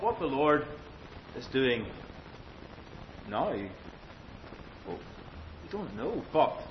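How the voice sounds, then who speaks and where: Emphatic and deliberate, a male preacher expounds a sermon using repetition and rhetorical questions, captured in a dull, lo-fi recording with faint rumbling noise in the background.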